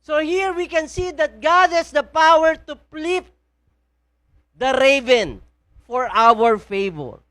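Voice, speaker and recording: A woman preaches in church with a Filipino accent, blending Tagalog and English and frequently asking the congregation questions. Her high voice is slow, with a fairly bright tone.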